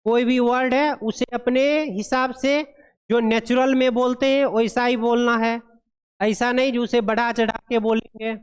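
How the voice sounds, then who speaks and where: A woman's voice: on the high side, little pitch movement, smooth. Lecturer woman, echoing classroom. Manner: reads English points slowly, then explains in Hindi with frequent checks. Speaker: pharmacy lecturer. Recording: long hall reverb.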